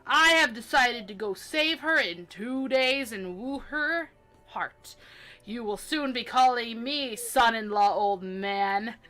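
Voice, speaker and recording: A woman voicing a boastful, dim-witted male hunter who talks slowly and pompously. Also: fairly high pitch, pushed and bright, soft background music. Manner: pompous, slow and self-admiring.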